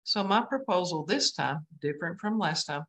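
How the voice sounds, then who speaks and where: A woman from West Texas with a West Texas twang, chatting as a guest on a video call in a halting, self-deprecating way. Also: fairly low pitch, expressive, a bit bright, rough recording. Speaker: guest artist, painter. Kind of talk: casual interview chat over video call.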